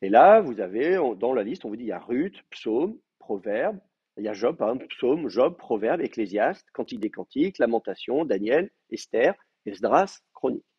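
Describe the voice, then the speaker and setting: A man's voice: mid-range voice, very animated, moderate pace, breathy edge. A man giving a classroom lecture, explaining step by step with many hesitations and checking in with his students. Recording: dull lo-fi classroom recording.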